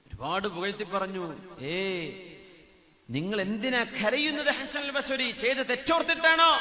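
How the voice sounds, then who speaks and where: A man preaching a sermon, chanting Arabic quotations in a sung tone. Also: high-pitched. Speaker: Islamic preacher. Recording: long reverb, crowd heard behind.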